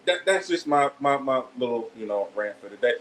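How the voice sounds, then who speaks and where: A man co-hosting a casual podcast, halting and repeating himself as he rants. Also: medium pitch, lively intonation, a bit bright, slight background noise, poor audio. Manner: halting, starts with repeated "I"s, ranting. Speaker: podcast co-host. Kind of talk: casual live podcast chat.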